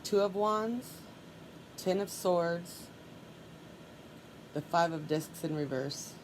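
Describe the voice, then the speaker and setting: This is a low-quality recording of a woman doing a solo tarot reading at a slow pace. Her voice is low and congested; she's calm and murmurs repeated soft requests while drawing cards, over a steady hiss.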